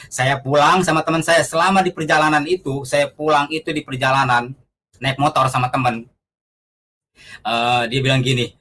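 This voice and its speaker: A man's voice: medium pitch, a bit bright. A man giving an earnest, conversational testimony, telling his story with fillers and acted-out quotes.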